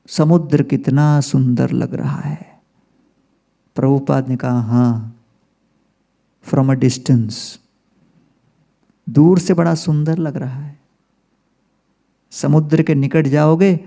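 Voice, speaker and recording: Male spiritual teacher, gravelly, mellow tone, slow humorous storytelling lecture. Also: on the high side. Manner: anecdotal, humorous, mixes in English phrases.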